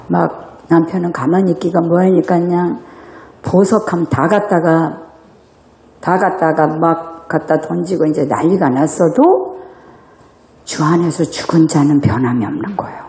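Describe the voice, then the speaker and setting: A woman pastor preaching a sermon in a church, animated and full of rhetorical questions. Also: deep voice, a little slow, creaky, roomy sound. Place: church sanctuary.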